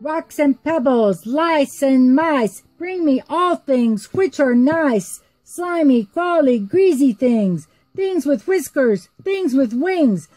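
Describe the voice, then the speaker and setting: A woman's voice: high voice, animated, slow, few pauses, dark tone, no echo, faint music behind, pitched above the performer's own voice, low-quality recording. A woman voicing a grumpy, mean old witch in a storybook, chanting rhyming spells.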